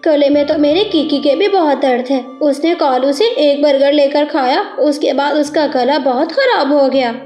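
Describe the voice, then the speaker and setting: A woman's voice: high-pitched, moderate pace, hardly any pauses, darkish tone, muffled recording, natural voice. A woman voicing a worried father pigeon in a cartoon, earnest and reassuring. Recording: echoey room with music.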